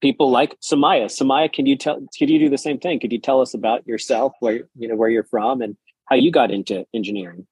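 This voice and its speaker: Husky-voiced man hosting a podcast. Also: mid-range voice, fairly quick, a little mellow, dry recording. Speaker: podcast host. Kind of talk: podcast interview and scripted intro.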